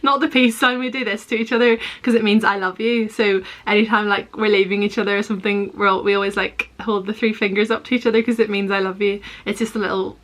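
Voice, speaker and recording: A woman's voice: mid-range voice, level tone, fast, hardly any pauses, fairly bright tone. Chatty young woman. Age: young adult. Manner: chatty, self-deprecating, giggly. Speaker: vlogger. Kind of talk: casual reaction commentary.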